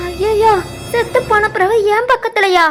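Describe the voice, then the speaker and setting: A woman voicing a playful young daughter-in-law who teases her family in an animated family story. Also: very high voice, normal speed, over music. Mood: musing. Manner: lightly teasing.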